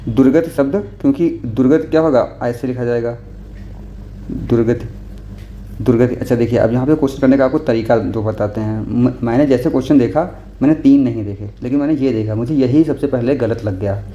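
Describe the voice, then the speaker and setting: Guy teaching exam prep, keeps asking "okay?", mellow voice, kinda dull recording w/ light noise. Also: medium pitch, a little fast. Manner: patient, repeats with frequent "okay?" checks. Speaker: Hindi exam tutor. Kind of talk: explaining exam answers.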